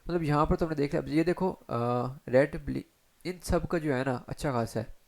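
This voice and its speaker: A man teaching SEO in a chatty screen-share tutorial, talking straight to viewers and filling pauses with short check-ins. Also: a little high, creaky, darkish tone. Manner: chatty, addresses viewers directly with frequent fillers. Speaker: SEO instructor.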